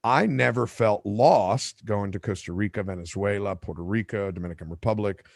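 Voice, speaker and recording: A gravelly, lowish voice moves at a moderate pace in clean studio sound with no echo. The speaker is a podcast host whose first language is Spanish, rambling through a long story with many asides, restarts, and self-corrections.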